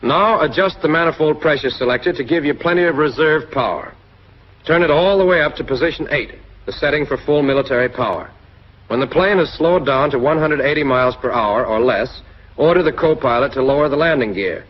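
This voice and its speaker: A fairly high-pitched American man reads a bit quickly, narrating a scripted 1940s military training film. He speaks straight to the listener in a teaching tone, heard through a muffled, husky period soundtrack.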